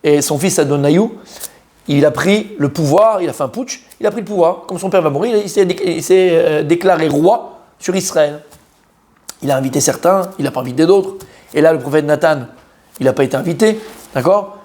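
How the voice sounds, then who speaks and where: A man teaching a Torah class in French, an animated teacher who quizzes his students, repeats key points and mixes in Hebrew terms. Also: a little high, moderate pace.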